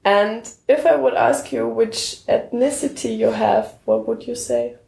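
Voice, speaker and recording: Gravelly German-accented woman interviewer. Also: on the high side, a little mellow, reverberant. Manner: friendly, laughs often, halting non-native English. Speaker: podcast host, interviewer. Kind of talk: casual interview. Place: indoors at a table.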